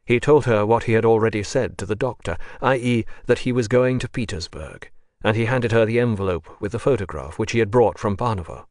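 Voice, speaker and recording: A man narrating an audiobook of a classic novel in a measured, even manner, gently lifting his voice for the characters. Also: on the low side, no room sound, studio quality.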